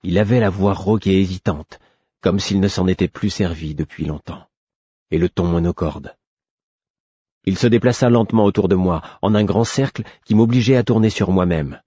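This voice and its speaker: A man narrating a novel in the first person, in a measured, even storytelling manner. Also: low voice, breathy edge, no echo, lo-fi sound. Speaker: audiobook narrator.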